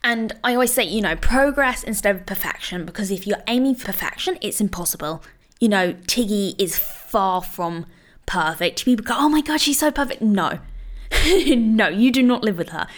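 A woman's voice: medium pitch, normal speed. Chatty, reassuring woman dog trainer. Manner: chatty, full of "you know" and "like" fillers; reassuring, encouraging. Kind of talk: casual advice monologue.

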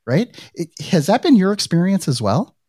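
A man's voice: sits high, sing-song, moderate pace, warm tone, no room sound, clean studio sound. A middle-aged man hosting a podcast interview, chatting casually with lots of "you know" and "right". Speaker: podcast host. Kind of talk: conversational interview.

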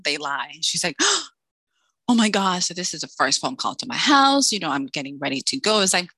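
Bright, animated woman telling funny stories. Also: lowish voice, dry recording. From Dominican Republic. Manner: lively, joking, acts out quoted voices. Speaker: author guest. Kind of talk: casual interview chat.

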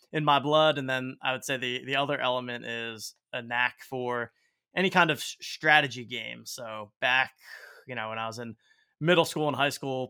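Bright, clear man chatting haltingly. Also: medium pitch. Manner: halting, repeats words while thinking. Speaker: podcast guest, startup co-founder. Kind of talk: casual interview chat.

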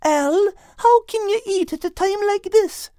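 A man voicing a fretting, motherly female animal with a very high, fluttery voice. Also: unhurried, dark tone, no room sound, clean studio sound. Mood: fretful.

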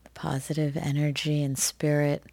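A woman leading a guided meditation as its guide, speaking softly and soothingly with long pauses between phrases. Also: sits low, completely flat delivery, no echo. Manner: soft, gentle, soothing delivery with long pauses.

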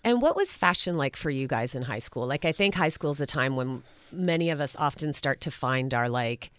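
A woman's voice: a bass voice, lively intonation, brisk, a bit bright, clear, resonant tone, no room sound. A woman hosting a podcast interview, upbeat and effusive. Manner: enthusiastic, effusive. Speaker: podcast host.

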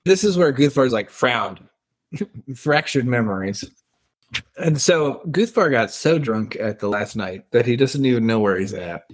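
A man's voice: mid-range voice, animated, a little slow. A man co-hosting a book podcast, casually retelling scenes, reading quotes aloud and laughing often.

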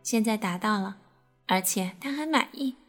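A woman radio host reading an intimate story aloud in a slow, soft, close manner. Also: medium pitch, animated, faint music behind. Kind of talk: scripted erotic story narration.

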